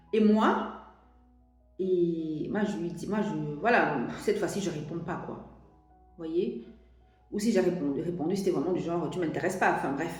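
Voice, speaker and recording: Speaking to camera in a very echoey room, this young Frenchwoman shares something personal. Her voice sits on the low side with a darkish tone, and she hesitates a lot, with frequent restarts and fillers, vlogger style.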